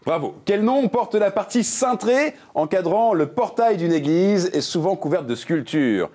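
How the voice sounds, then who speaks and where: A jokey quiz-show host whose pitch swings up and down as he reads each question. He sits a little high for a man and keeps things light, slipping puns between the answer options. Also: expressive, a little slow, mellow. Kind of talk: game show hosting with puns.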